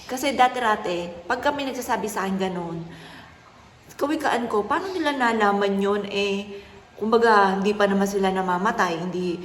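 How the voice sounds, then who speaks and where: A woman, a mother telling a personal story in a soft, earnest, polite way. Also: medium pitch, moderate pace. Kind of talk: casual vlog talk. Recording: echoey room with faint noise.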